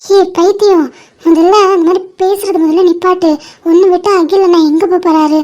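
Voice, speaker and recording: A woman's voice: very high-pitched, steady tone, brisk, mellow. A woman voicing a young female best friend in a cartoon, who reassures her friend in a firm, coaxing way. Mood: reassuring. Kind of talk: animated cartoon voice acting.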